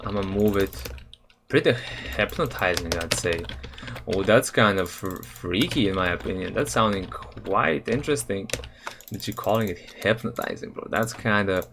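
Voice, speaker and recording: A young Serbian man rambles casually on a live stream as he builds a game level, relaxed and slangy, full of fillers and self-corrections. His voice is lowish at a normal speed, with a noisy background of keyboard and mouse clicks.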